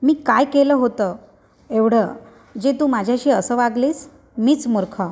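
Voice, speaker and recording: A woman's voice: fairly high pitch, measured pace, a little mellow. A woman reading a story aloud, voicing a hurt and angry young man who speaks bitterly and accusingly.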